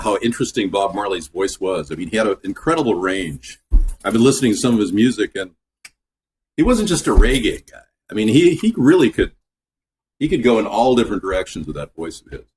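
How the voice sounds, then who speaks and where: A man hosting a casual home cooking video in his kitchen, chatting in a relaxed, rambling way that drifts off topic. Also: lowish voice, slight background noise. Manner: relaxed, filler-heavy talk. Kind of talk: casual cooking vlog chat.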